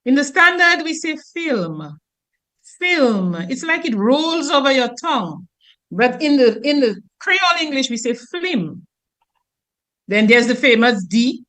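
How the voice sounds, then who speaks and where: Bright-voiced Dominican woman teacher. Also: high-pitched, moderate pace. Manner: animated, demonstrative, acts out sayings. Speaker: teacher and radio guest. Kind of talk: explanatory radio talk.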